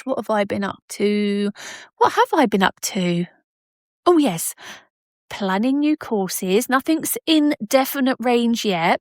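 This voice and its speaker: A woman's voice: mid-range voice, dry recording, studio quality. Chatty, rambling woman. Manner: chatty and digressive, laughs often. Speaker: podcast host. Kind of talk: casual chat. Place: at home by patio doors.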